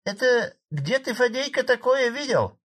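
A man voicing a prying middle-aged village woman farmer in an audiobook, in a shrill falsetto. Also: big pitch swings, measured pace, a bit bright, full character voice. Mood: sceptical.

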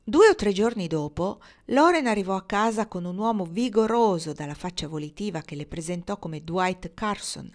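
A woman reading a historical novel aloud in a calm, measured storytelling manner. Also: mid-range voice. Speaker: audiobook reader.

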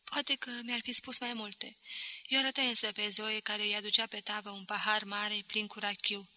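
Bright-voiced woman reading a novel. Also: medium pitch, dry recording, low-quality recording. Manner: calm, measured reading. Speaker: reader. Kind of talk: audiobook narration.

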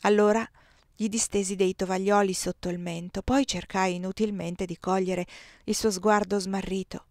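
A woman's voice: medium pitch, no echo. Woman reading a novel aloud, dry sound. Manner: measured, expressive narration. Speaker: audiobook reader.

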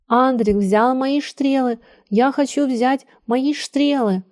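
A woman's voice: high voice, slow, darkish tone, voice pushed up. A woman voicing a small sulky boy who lisps and whines plaintively. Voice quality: lisp. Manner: plaintive, whining.

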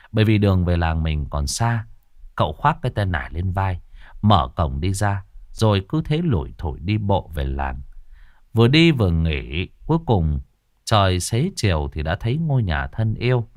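Lively male ghost-story narrator. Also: deep voice, no echo, studio quality.

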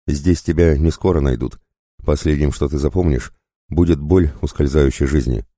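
A man's voice: rumbling low, normal speed, dark tone, no room sound, studio quality. A man voicing a young prince, bitter and cold in his anger. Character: young boy prince, proud and vengeful.

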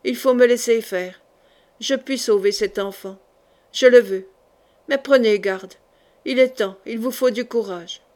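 A woman's voice: fairly high pitch, measured pace, darkish tone, natural voice. A woman reading the part of a stern, commanding male sorcerer in an audiobook, speaking with grave authority.

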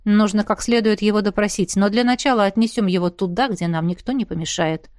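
A man's voice: sits high, brisk, a little mellow, smooth, dry recording, studio quality, natural voice. A woman reading an audiobook, voicing a stern, curt male dragon colonel. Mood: commanding. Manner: curt, commanding. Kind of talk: audiobook character voice.

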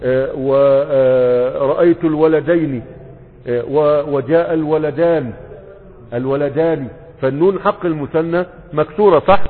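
In a classroom grammar lesson, a sheikh with an Egyptian Arabic accent asks questions and answers them himself while stretching out the example words. His voice is a little high with a breathy edge. The recording sounds phone-like with long reverb.

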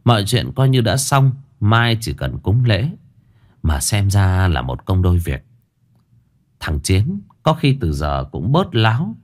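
Guy narrating a ghost story, super animated voice, goes all over the place. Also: on the low side, a little slow. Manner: expressive, lively storytelling.

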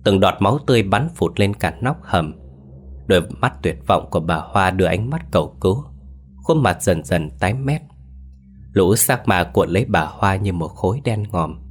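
A man narrating a horror story in a steady, dramatic way. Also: low voice, normal speed.

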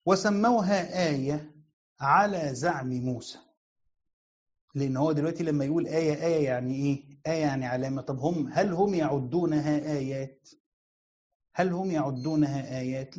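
Egyptian sheikh teaching commentary, lo-fi. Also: male voice, fairly high pitch, dark tone. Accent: Egyptian Arabic. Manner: asks and answers his own questions, repeats key phrases. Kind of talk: explanatory lecture.

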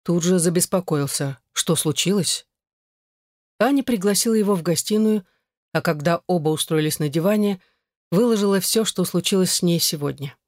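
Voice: mid-range voice, moderate pace, no room sound. A narrator reading a dramatic audiobook into a close mic.

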